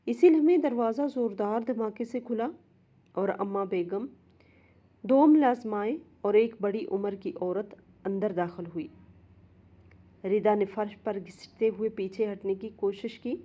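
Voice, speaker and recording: A woman storyteller narrating a dramatic story in a steady, expressive way. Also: mid-range voice, dull audio.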